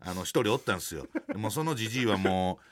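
A man with a Kansai accent telling a comic anecdote in casual talk, animated and acting out other people's voices. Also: fairly low pitch, fast talker. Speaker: storyteller.

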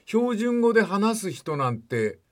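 A man's voice: high voice, very animated, measured pace. Older guy on radio, rambly folksy talk, voice goes up and down a lot. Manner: rambling, folksy storytelling, asks the co-host questions. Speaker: radio host.

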